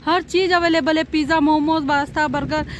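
A young woman with a high, bright voice chats eagerly to her viewers about the food in front of her. She talks straight into a handheld phone while sitting out on a rooftop at night, and faint noise hums behind her. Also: fairly even intonation, moderate pace. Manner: chatty, enthusiastic, addresses viewers as friends. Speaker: food vlogger. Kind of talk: casual restaurant review vlog. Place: rooftop restaurant at night, outdoors.

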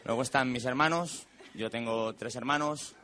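A man performing a stand-up monologue on stage, delivering quick deadpan punchlines and mimicking his relatives. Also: mid-range voice, some chatter behind. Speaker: stand-up comedian. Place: stage before a live audience. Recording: stage recording with audience laughter and noise.

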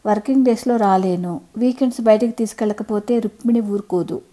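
A woman's voice: mid-range voice, brisk, mellow, lightly acted. A woman voicing a fond, easygoing husband in his late fifties in a storybook reading.

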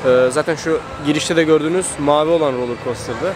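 A young man with a high voice vlogs casually at a fast clip. He speaks to a camera held at arm's length. Clear outdoor park noise sits behind him. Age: 20s. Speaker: vlogger. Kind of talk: casual vlog narration to camera. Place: outdoors in a busy amusement park. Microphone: handheld camera at arm's length.

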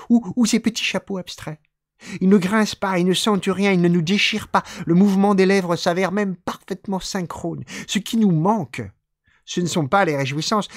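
A man hosting a live poetry reading, reciting texts slowly and deliberately and chatting casually with listeners between poems. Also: high-pitched, dry recording, studio quality. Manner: slow measured recitation, then chatty offhand remarks. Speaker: poetry reader and stream host.

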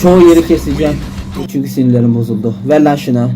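A man giving frustrated gameplay commentary, swearing and shouting at the game. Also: medium pitch, fast. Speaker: gaming YouTuber. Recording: music loud behind voice.

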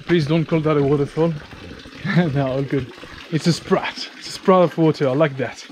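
Guy doing a chatty travel vlog outside, voice a bit high, faint noise around him. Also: steady tone, moderate pace, darkish tone. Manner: informal, chatty, occasional swearing. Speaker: travel vlogger. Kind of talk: casual vlog commentary. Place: outdoors on forest walking paths. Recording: outdoor ambience noise.

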